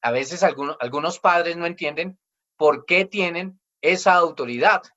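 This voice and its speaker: A man's voice: on the high side, normal speed, a bit bright, highs cut off. A man in his forties preaching a family sermon as pastor, emphatic, and he acts out children's complaints in quoted voices.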